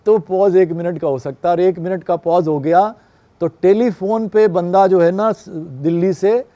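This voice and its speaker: A man lectures a class on radio production in a steady, explanatory way, often pausing to check that his listeners are following. His voice sits a little high but sounds warm and mellow. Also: dull audio.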